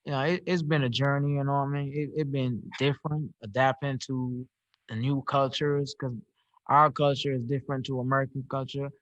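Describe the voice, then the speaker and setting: Over a video call, this young boxer from Barbados gives press interview answers in an even, flat-pitched voice, pausing and repeating words while he hunts for what to say. It sounds like a home setup: dry, slightly dull audio with no room sound.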